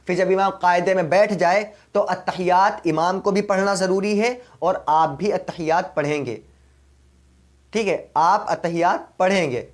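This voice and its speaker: Man, Urdu accent, high-pitched, religious teacher, patient step-by-step explanation. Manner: patient, step-by-step explaining, repeats key points. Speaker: mufti teaching prayer rules. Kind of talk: religious instruction.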